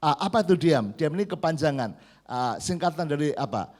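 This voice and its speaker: High-voiced male pastor preaching. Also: brisk. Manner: animated storyteller, prompts congregation to repeat. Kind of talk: sermon. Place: church service.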